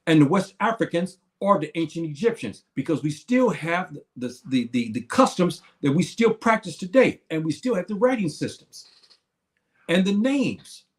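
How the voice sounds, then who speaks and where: A man in his seventies giving a casual livestream talk to his viewers. He speaks haltingly, with many fillers and repeated words, and he repeats his key phrases. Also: on the high side. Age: 70s.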